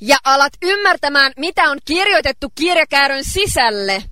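Bright high-voiced female sermon interpreter. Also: no room sound, clean studio sound. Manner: steady, faithful relaying of each phrase.

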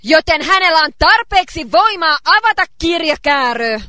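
A woman interpreting a sermon phrase by phrase, relaying each line in a steady way. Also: extremely high pitch, dry recording, clean studio sound.

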